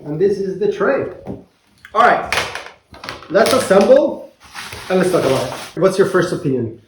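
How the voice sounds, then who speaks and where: A man's voice: sits high, sing-song, normal speed. A man doing a casual, hands-on product review in an easygoing, joking way. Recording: roomy echo, background noise, clicks.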